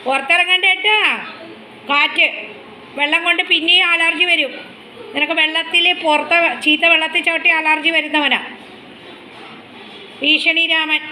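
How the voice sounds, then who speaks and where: A woman's voice: normal speed, pauses often, a little hiss or hum. A woman filming a home vlog on her phone, talking in sing-song baby talk to her dog and chatting casually to viewers. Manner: high sing-song baby talk to the pet, then calm chat to viewers. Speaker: vlogger, dog owner. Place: home, near the kitchen. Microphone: phone camera.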